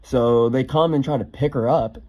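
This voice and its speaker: A man's voice: mid-range voice, moderate pace, a little mellow. A young man casually telling a personal story, offhand, swearing now and then with lots of fillers.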